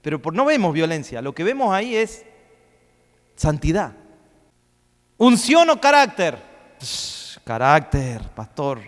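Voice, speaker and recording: Man, fiery sermon, high voice, long church reverb. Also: very animated. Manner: preaching with sudden loud rises and quick asides. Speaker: pastor. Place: church hall.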